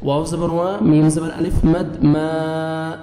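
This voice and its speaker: A man teaching Quran recitation, spelling out letters and vowel marks, then chanting the words slowly and melodically with quick explanations in between. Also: a little high, level tone, warm tone, reverberant, long reverb tail, faint music behind, rough recording. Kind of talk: spelling out and reciting verses with tajweed rules.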